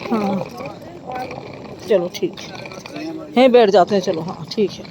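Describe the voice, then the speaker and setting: A woman's voice: medium pitch, slow, background noise. A middle-aged woman, chatting casually to her vlog viewers and often thanking God. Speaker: vlogger. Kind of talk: casual vlog chat to camera.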